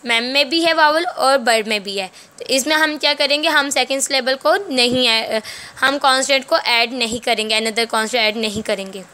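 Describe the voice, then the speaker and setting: A woman's voice: sits high, normal speed, sharp tone. A woman with a Pakistani accent teaching English grammar in a recorded lecture. She reads English rules out word by word, then explains them in Urdu, often checking "theek hai".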